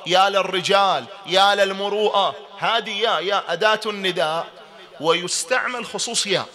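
A man's voice: high-pitched, sharp tone. A man teaching a grammar lesson with religious explanation, asking rhetorical questions and repeating examples.

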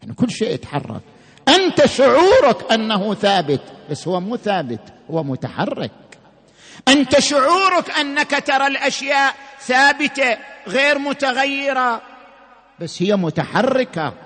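A man giving a sermon-style religious lecture, emphatic, slowing and rising on key words. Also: very high voice, sing-song, fairly bright tone, big-room sound.

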